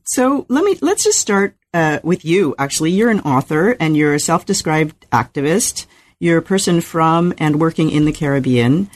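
A woman's voice: low-pitched, very animated, moderate pace, no room sound. A woman hosting a book podcast, reading a scripted introduction and asking questions politely with hesitant fillers. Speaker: podcast host.

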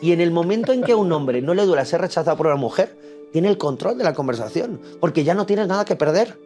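A young man with a Madrid accent tells his story in earnest, restarting phrases as he goes. His voice sits fairly high. Soft music plays faintly under the conversation. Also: animated, fast talker. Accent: Madrid Spanish. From Spain. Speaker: dating coach guest. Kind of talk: interview conversation.

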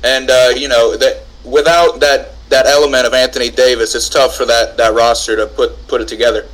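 Halting man in casual sports chat. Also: medium pitch, little pitch movement, a bit bright, rough recording. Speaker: sports podcast panelist.

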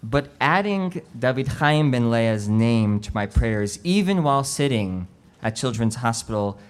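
A man in his thirties delivers a sermon at an unhurried pace, neither high nor low in pitch. He tells a personal story reflectively, his voice sinking quieter at the tender moments. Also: expressive, clean tone. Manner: slow, reflective storytelling with quiet emotional dips. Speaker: rabbi.

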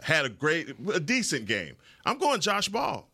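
A man's voice: a little high, wildly swooping pitch, measured pace, gravelly, sharp tone, breathy edge. A man co-hosting a sports show, chatting casually about players with colloquial, emphatic repetition. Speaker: sports talk show co-host. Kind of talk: casual sports analysis chat. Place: podcast studio.

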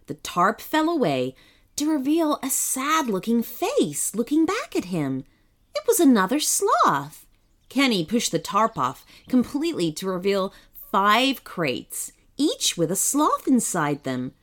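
Animated woman reading a children's story. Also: on the high side, a little slow. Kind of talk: scripted narration for children.

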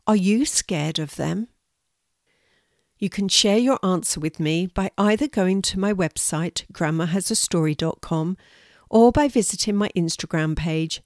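An older woman, reading a children's story in a gentle, warm storytelling manner. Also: fairly low pitch, measured pace, dry recording, clean studio sound.

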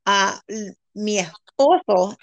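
A woman guest from California speaks in an earnest, upbeat way, sliding between English and Spanish mid-sentence. Her pitch sits mid-range for a woman, and she breaks into laughter often as she talks. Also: expressive, slow, gravelly, no room sound, dull audio. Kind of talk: casual bilingual interview chat.

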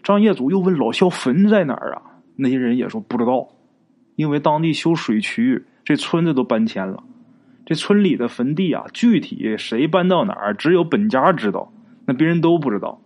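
A man's voice: medium pitch, expressive, normal speed, a little mellow. A man narrating a ghost story in a chatty, folksy way, drawing out particles and speaking straight to his listeners.

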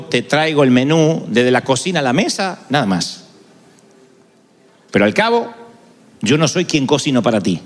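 An animated male pastor preaches with a fairly high voice that moves constantly up and down. He switches into acted voices as he goes. A long reverb from a church hall follows his words. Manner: animated, shifts between voices. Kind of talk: sermon.

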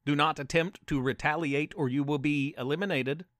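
A man's voice: on the high side, fairly even intonation, moderate pace, fairly bright tone, no echo, clean studio sound, natural voice. A man doing a stern computer voice. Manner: commanding, formal. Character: stern computerized arrest voice, machine.

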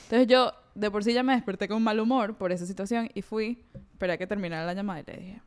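A woman in her natural middle register co-hosts a relaxed podcast conversation. She tells stories in a wry, measured way, dropping English phrases into her Spanish. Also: mid-range voice. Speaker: podcast co-host. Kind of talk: casual chat.

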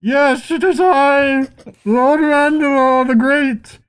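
A man's voice: very high-pitched, drawn-out words, a bit bright, slight background noise, pitched above the performer's own voice, full character voice. A man voicing a pompous, theatrical armored knight in a hobby script recording, muffled as if inside a helmet or submarine. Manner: theatrical, mock-grave delivery of scripted lines. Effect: muffled, as if talking inside a helmet.

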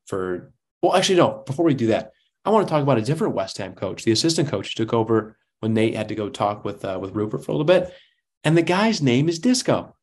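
A man hosting a casual podcast chat, talking in an animated, joking way with quick asides. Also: mid-range voice. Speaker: podcast host.

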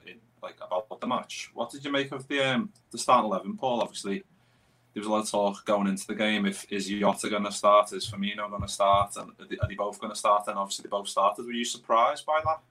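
A man's voice: lowish voice, steady tone, quick pace, sharp tone, rough recording. A British man hosting a podcast with casual, loosely phrased football chat. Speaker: podcast host.

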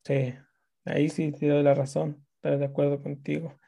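Animated man hosting a sports chat. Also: fairly high pitch, normal speed, creaky. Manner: animated, swears casually, restarts mid-sentence. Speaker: sports talk show host.

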